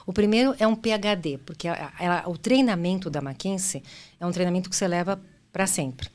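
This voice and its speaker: A middle-aged Brazilian woman with a fairly low voice talks through her career as an interview guest. She speaks thoughtfully, restarting her phrases and checking in with the listener as she goes. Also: fairly quick, a little mellow. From Brazil, daughter of Argentine parents. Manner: thoughtful, with frequent restarts and "né?" tags. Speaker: guest, business executive. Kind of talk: conversational interview answers.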